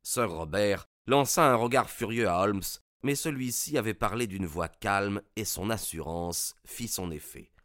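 Casting note: male audiobook narrator, deep-ish, measured suspense, dry close sound. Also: fairly bright tone, no echo. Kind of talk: scripted narration of a detective story.

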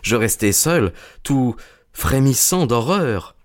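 A man narrating an audiobook story in the first person, with a measured, dramatic reading. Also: medium pitch, lively intonation.

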